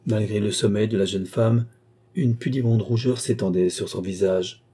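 Male audiobook narrator, measured, low pitch, dark husky tone. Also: steady tone. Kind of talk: scripted narration.

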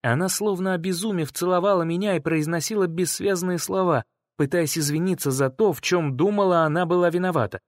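A man narrating a first-person story in a measured, dramatic reading. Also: high voice, dry recording, studio quality. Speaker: audiobook narrator.

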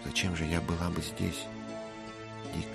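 A man's voice: deep voice, little pitch movement, unhurried, gravelly, over music, pitched above the performer's own voice. A man voicing a frightened young woman disguised as a boy, pleading in a breathless rush, in a read-aloud story.

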